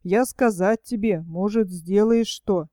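A woman's voice: mid-range voice, slow, warm tone, no room sound, clean studio sound, lightly acted. A woman voicing a timid, meek male farmhand in an audiobook. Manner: timid, hesitant.

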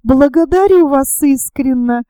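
Vain elderly male writer in a storybook reading, self-important, with a mellow high sugary squeak, voiced by a woman. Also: animated, measured pace, clear, resonant tone, no echo, studio quality. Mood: sugary fawning. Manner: affected, sugary squeak when fawning.

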